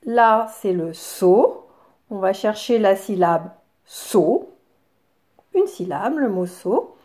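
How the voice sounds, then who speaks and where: A woman's voice: mid-range voice, dark tone. A woman teacher explaining a classroom exercise to young children, sounding out words syllable by syllable. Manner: syllable-by-syllable enunciation, drawn-out words.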